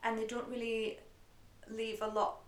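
A woman's voice: a little high, completely flat delivery, measured pace. A woman co-hosting a podcast who chats candidly, swears freely and reads narration between conversations. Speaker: podcast co-host. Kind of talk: casual chat and scripted narration. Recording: roomy echo.

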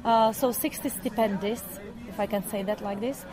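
A woman's voice: medium pitch, moderate pace, a crowd in the background. A woman who speaks natively, a programme organizer, answering interview questions hesitantly. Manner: hesitant, frequent fillers.

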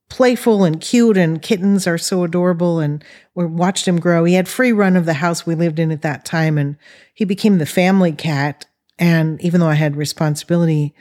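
A middle-aged woman from northern Arizona, a guest recounting a personal experience in an earnest, halting way with frequent restarts. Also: sits low, dark tone. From northern Arizona, USA.

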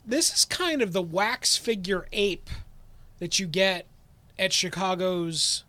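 Male co-host, high bright voice, halting and rambling, dry close mic. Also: dry recording. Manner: rambling, halting, full of restarts and analogies. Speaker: guest co-host. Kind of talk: casual podcast chat.

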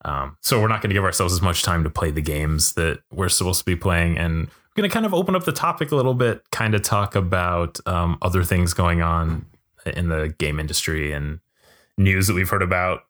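Man, very low voice, casual podcast co-host, joking, rambling. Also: lively intonation, a little fast, a bit bright. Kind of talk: casual chat.

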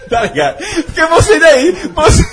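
Young man, high lively voice, animated podcast storyteller who swears and laughs. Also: normal speed, background noise. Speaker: podcast guest telling a story. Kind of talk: casual chat.

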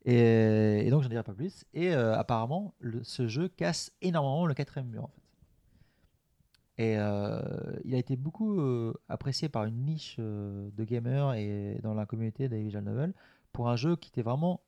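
A man on a podcast panel talks through a subject at length and circles back as he goes. His voice is mellow and warm, recorded dry and close. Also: medium pitch, expressive, normal speed, dry recording, dull audio. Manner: explanatory, rambling. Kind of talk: casual group chat.

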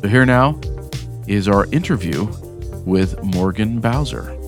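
Measured male podcast host. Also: on the low side, animated, over music. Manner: earnest, measured questioning with small restarts. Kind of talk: podcast interview, scripted intro then conversational questions.

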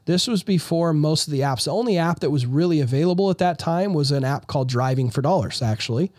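A man with a somewhat high voice tells his own business story in an energetic, casual way. He often restarts his phrases as he pushes ahead. The sound is dry and close, with no room echo. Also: fast. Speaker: real estate investor guest.

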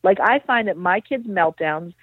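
A woman's voice: medium pitch, expressive, normal speed, no room sound. A woman who is a social worker, a guest in a conversational interview, talking candidly with self-deprecating examples. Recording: tinny phone-line sound.

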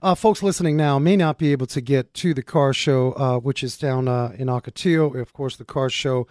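A man's voice: mid-range voice, a little fast, a little mellow, dry recording, studio quality. A man hosting a casual radio talk show in an informal, exclamatory way with punchy asides.

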